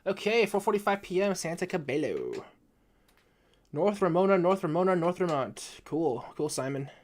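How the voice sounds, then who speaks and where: Drunk guy streaming from his room, kinda high voice, swears a lot and trips over words. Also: sing-song, normal speed. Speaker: live streamer reacting to a video. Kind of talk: casual live reaction commentary.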